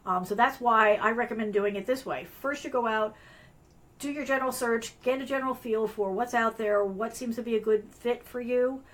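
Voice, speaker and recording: A woman with a fairly high voice hosts a live online tutorial at her computer. She talks casually and apologizes often, trailing into fillers and restarts. Her voice is wearing thin as she is losing it. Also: fairly even intonation, normal speed, fairly bright tone. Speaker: host of a live business analyst show.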